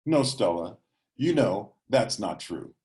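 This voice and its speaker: A man voicing a gentle, saddened husband who pleads softly and reassures his wife. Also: lowish voice, expressive, slow pace. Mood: pleading. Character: gentle pleading husband, sad but patient.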